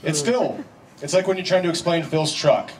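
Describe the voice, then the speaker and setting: A man delivering a best man's wedding speech in a wry, deliberate way with pauses for effect. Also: fairly high pitch, a loud crowd. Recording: distant mic, noisy live event ambience.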